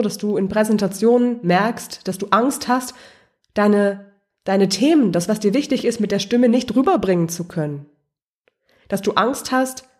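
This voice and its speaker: A woman's voice: fairly high pitch, a little mellow. A woman voice coach speaking directly to the listener, encouraging them step by step with questions.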